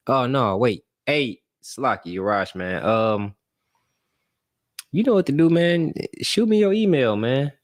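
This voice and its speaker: A man hosting a casual livestream chat, loud and joking, trash-talking his guests. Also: mid-range voice. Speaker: host.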